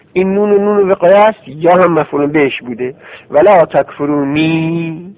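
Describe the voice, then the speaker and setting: A man teaching Arabic grammar in a classroom lesson. He explains step by step and repeats words in drills. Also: fairly high pitch. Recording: tinny phone-like radio recording.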